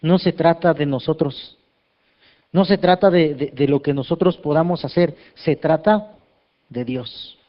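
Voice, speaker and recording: Lively pastor, lo-fi sound. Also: male voice, fairly high pitch, unhurried. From Mexico. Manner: lively, asks the congregation questions, self-mocking humor. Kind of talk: sermon. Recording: dull lo-fi sound.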